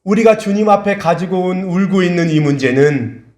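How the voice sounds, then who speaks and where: A male pastor preaching a sermon, animated and acting out scenes, recorded on a phone in a church sanctuary. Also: sits high, moderate pace. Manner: animated, acts out scenes with voices. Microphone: phone camera. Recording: echoey church hall.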